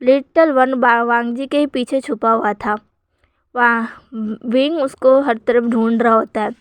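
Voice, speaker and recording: High chatty woman retelling a story. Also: fairly even intonation, a little slow, clean tone, no echo. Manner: chatty, addresses viewers.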